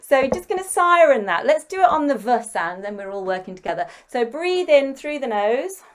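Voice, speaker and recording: A woman singing teacher giving gentle, encouraging step-by-step breathing and vocal warm-up instructions. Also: sits high, big pitch swings, normal speed.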